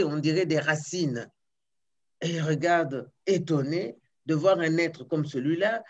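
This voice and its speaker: A woman storyteller telling a folktale aloud, expressive, repeating words for emphasis and sometimes stammering. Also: sits low, highs cut off.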